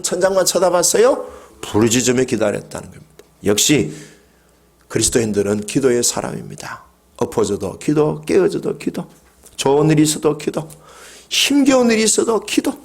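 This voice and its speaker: A middle-aged male pastor preaching a Sunday sermon. He moves from calm talk to loud, impassioned cries and leads the congregation in call-and-response. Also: on the high side, normal speed.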